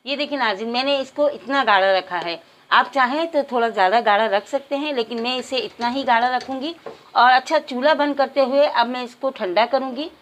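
A woman calmly talking viewers through a home recipe, step by step, as the host of a cooking channel. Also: sits high, a little fast. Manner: calm, instructive, addresses viewers directly.

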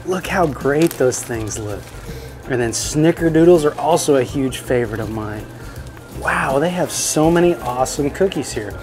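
A man hosting a kids' show on a bakery tour, excitable and talking straight to the viewers. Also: mid-range voice, moderate pace, soft background music. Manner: excitable, exclaims often, talks straight to the viewers. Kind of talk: upbeat presenting to kids. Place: indoor bakery and commercial kitchen.

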